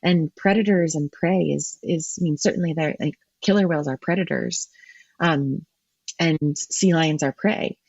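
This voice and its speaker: A woman's voice: low-pitched, moderate pace, a little mellow, husky, no room sound, dull audio. A woman marine ecologist answering interview questions, thinking aloud with frequent ums and restarts.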